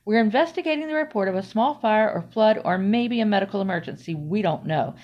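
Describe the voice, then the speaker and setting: A woman voicing a large, loud male fireman with a booming manner. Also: expressive, fairly quick, dull audio, natural voice. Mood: blustery. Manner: booming announcements.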